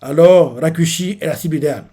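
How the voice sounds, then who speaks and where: A shrewd, serious general weighs the situation aloud, read by a man in nearly his own voice. He speaks in a measured way and then barks orders. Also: fairly high pitch, warm tone. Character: calm shrewd male general, commanding.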